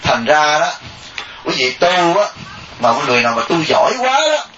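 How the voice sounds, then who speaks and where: A monk giving a dharma talk, animated and joking, often mimicking laypeople. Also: male voice, on the high side, moderate pace, background noise. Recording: distant echoey lo-fi recording.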